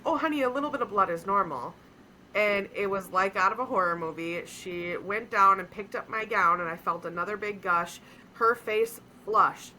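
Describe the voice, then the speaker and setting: A young adult woman on a podcast, earnestly telling a personal story in a casual, animated way with frequent fillers. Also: medium pitch, slight background noise, low-quality recording. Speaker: podcast co-host.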